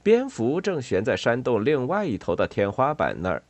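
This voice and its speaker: A man narrating a children's storybook in a calm, even way. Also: mid-range voice, moderate pace, no echo.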